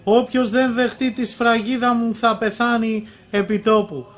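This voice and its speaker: A man's voice: very high-pitched, little pitch movement. A man voicing a raging, tyrannical male Antichrist who roars out commands. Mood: commanding. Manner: roaring commands.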